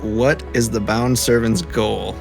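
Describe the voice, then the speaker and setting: A man's voice: medium pitch, steady tone, slow pace, vocal fry, over music. A man playing a tabletop game in casual chat, playful and laughing often. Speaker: player.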